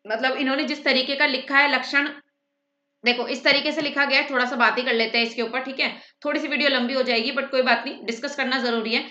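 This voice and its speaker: Fast-talking woman teacher, high bright voice. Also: echoey room. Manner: frequent "theek hai" check-ins. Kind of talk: exam-prep lecture.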